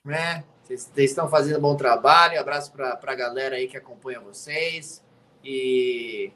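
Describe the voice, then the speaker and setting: Chatting casually as a guest from his home studio, an NFL commentator who grew up in the US teases and caps his sentences with "né?". He speaks at normal speed in a medium-pitched, sharp-toned voice with fairly even intonation.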